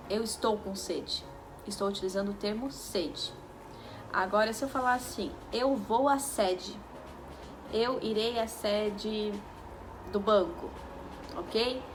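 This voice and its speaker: A woman's voice: mid-range voice, background noise. A woman teaching a lesson, explaining step by step and checking in with the viewers as she goes. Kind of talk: video lesson. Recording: music bed under the voice.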